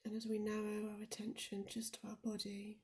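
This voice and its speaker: Speaking at a medium pitch, a woman leads a body scan meditation in a mellow, relaxed, slightly creaky voice. She talks softly and soothingly, often dropping nearly to a whisper, moving slowly and deliberately with gentle pauses between phrases.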